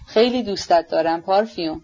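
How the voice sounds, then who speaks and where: A woman reading as an earnest, gentle young prince. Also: lowish voice. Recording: dull lo-fi recording.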